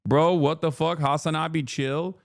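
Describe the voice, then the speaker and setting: A man's voice: fairly high pitch, steady tone, moderate pace, no echo, clean studio sound. A man in his thirties who grew up in Turkey, rambling and joking through casual, profane reaction commentary. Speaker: streamer reacting to clips.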